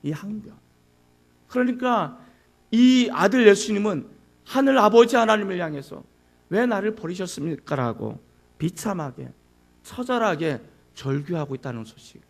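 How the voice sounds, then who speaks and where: A man's voice: high-pitched, animated, unhurried, creaky. A male pastor preaching a sermon, who asks the congregation questions and acts out anguished cries.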